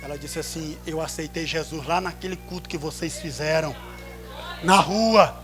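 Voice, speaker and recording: A Brazilian man preaching a sermon at a church service, swinging from hushed storytelling to drawn-out shouts. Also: fairly high pitch, music in the background. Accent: Brazilian Portuguese.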